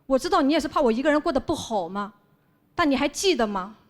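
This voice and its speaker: A woman doing a stand-up comedy set on stage, telling family stories in a wry, deadpan way. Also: high voice, fast talker. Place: stage before a live audience.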